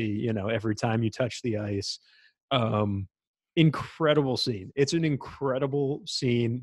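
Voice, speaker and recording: A young man co-hosting a podcast, chatting casually and with enthusiasm about a movie, acting out lines from it. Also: no room sound. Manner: enthusiastic, acts out quotes in high voices. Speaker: podcast co-host.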